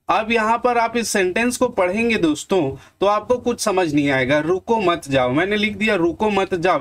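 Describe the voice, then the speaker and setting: A man's voice: sits high, a bit bright. A man with a Chhattisgarhi accent teaching an exam-prep lesson, calling viewers friends and answering his own questions. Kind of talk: online lesson with examples.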